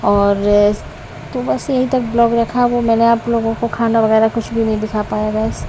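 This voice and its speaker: A woman in her thirties talks through her home vlog in a loose, rambling voice-over, backtracking and restarting as she goes. Her pitch sits a little high but hardly moves. A steady hiss of noise runs under the recording. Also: normal speed. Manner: rambling, chatty storytelling with many restarts. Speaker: vlogger.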